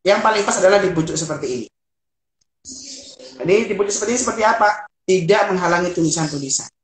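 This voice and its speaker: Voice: mid-range voice, quick pace. Trainer coaching MCs in an echoey room. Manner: demonstrates lines in a performed announcer voice. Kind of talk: practical workshop lesson. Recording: roomy echo.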